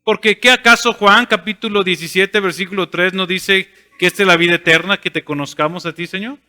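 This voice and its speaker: A man's voice: high-pitched, fairly even intonation, fairly quick, pushed and bright, in a large hall. A man preaching a sermon as pastor, asking rhetorical questions and answering them himself. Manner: asks rhetorical questions and voices imagined listeners. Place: church sanctuary.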